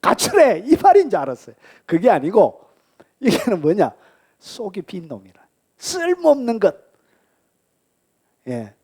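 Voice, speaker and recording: Lively Gyeongsang-accented pastor preaching. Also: male voice, high-pitched, measured pace, long pauses, husky. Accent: Gyeongsang Korean. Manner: animated, asks the congregation questions and answers them; acts out angry outbursts, shifts between loud and whispered lines. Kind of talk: sermon.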